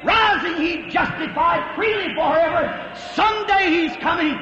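A man preaching an impassioned revival sermon, often shouting. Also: very high-pitched, unhurried, over music. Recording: old roomy dull recording with loud crowd noise. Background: congregation noise.

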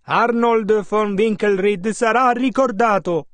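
A man interpreting a sermon, measured and following the preacher's emphasis. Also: sits high, a bit bright, dry recording.

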